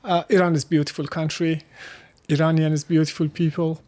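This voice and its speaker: A man from Afghanistan, a guest in a casual interview, speaking halting second-language English with restarts and soft laughs. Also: on the high side, little pitch movement.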